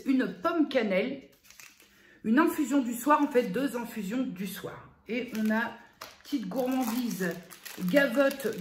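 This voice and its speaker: A woman vlogger chatting casually as she reads out product labels, often pausing with fillers. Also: mid-range voice, roomy sound, slight background noise. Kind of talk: casual vlog unboxing.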